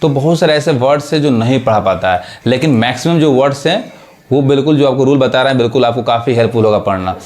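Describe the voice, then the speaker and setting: At a quick pace, a man with a mid-range, slightly mellow voice gives a spoken lesson on how to pronounce English. He repeatedly checks for understanding and spells words out one letter after another.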